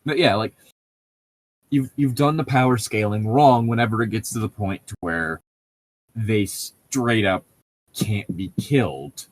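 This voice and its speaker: A man with a fairly low voice speaks unhurriedly over poor audio. He's co-hosting a casual podcast, reading a novel aloud and rambling off on tangents, swearing now and then as he comments on the book.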